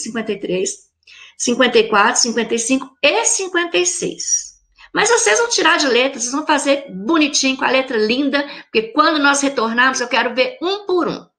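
A Brazilian woman teaching a video lesson to children, slowly sounding out words syllable by syllable in an affectionate teacherly tone. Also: fairly high pitch, expressive, sharp tone. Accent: Brazilian Portuguese. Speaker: primary school teacher.

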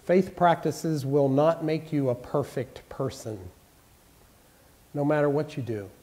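A pastor with a stuffed-up, congested voice from a cold, pitched a touch high and mellow in tone. He talks to his congregation plainly and conversationally, easing from notices into the start of a sermon. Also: unhurried. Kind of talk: church announcements and sermon opening.

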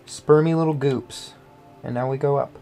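A woman hosting a co-op let's-play, chatting casually, excitable and swearing at the game. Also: extremely low pitch, moderate pace, faint music behind. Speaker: co-op gaming host.

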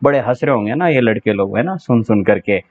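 A man's voice: mid-range voice, animated, brisk, darkish tone. A man teaching English vocabulary for exams in a chatty, joking way, spelling words out letter by letter. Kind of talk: exam-prep English vocabulary lesson. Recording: slightly dull lo-fi audio.

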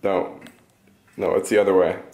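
A man's voice: low-pitched, level tone, normal speed, darkish tone. A young man vlogging at home in casual chat, playful and giggly, laughing often.

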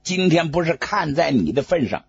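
A storyteller voicing an arrogant, hot-tempered male court envoy, with a raspy voice and a scolding manner. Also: on the high side, big pitch swings, normal speed, no room sound, heavily acted. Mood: indignant. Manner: blustering, scolding. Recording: dull lo-fi recording.

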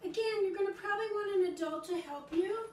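In a kids' cooking demonstration, an older library instructor talks a little fast in a very high, slightly mellow voice while patiently explaining each step. The camera sits a few feet away, so the kitchen sounds echoey, with a little hiss or hum and faint sizzling meat.

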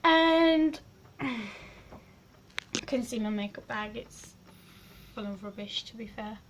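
Filming herself on a phone held at arm's length, a teen vlogger chats in her small bedroom with a slightly high, animated voice that is starting to go. She speaks slowly, rambling and giggling as her volume rises and falls, and there's noise in the background.

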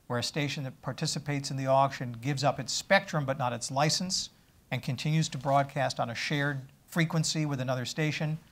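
Man, middle-aged, gravelly, policy official, halting measured answers, filler words. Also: mid-range voice, a bit bright. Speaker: government official answering questions. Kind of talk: panel Q&A answers. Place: conference stage with audience.

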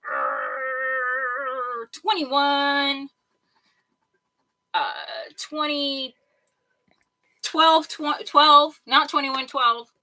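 A woman's voice: high voice, huge pitch swings, very slow, pauses often, bright, forceful tone, low-quality recording. A woman co-hosting a live stream, chatting casually and calling out numbers as she scratches lottery tickets indoors at home.

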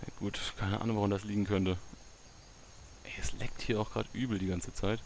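Low-voiced gamer muttering commentary. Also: male voice, moderate pace, slight background noise. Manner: chatty, muttering to himself, excitable outbursts. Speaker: let's play gamer. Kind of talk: casual gameplay commentary.

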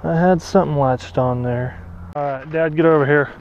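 An excitable young man narrates his outdoor magnet fishing into a body-worn action camera, his voice pitched high. He chats easily with viewers, and the audio sounds slightly dull with faint outdoor noise. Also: moderate pace. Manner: excitable, chatty, keeps addressing viewers as boys. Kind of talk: excited outdoor vlog commentary. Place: outdoors on a lake dock and shore.

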